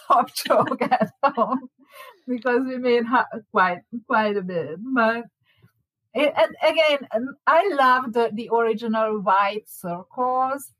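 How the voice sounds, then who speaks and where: A woman's voice: mid-range voice, fairly bright tone, no echo, poor audio. A woman from Hungary with a Hungarian accent, chatting casually as a baking class teacher, laughing often and restarting her words. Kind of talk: casual chat.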